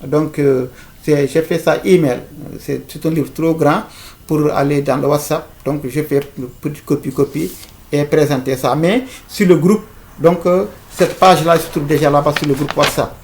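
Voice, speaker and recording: A man's voice: on the high side, steady tone, normal speed, darkish tone. A man teaching an informal video lesson, hesitant, with many fillers, restarts and repeated words. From Africa.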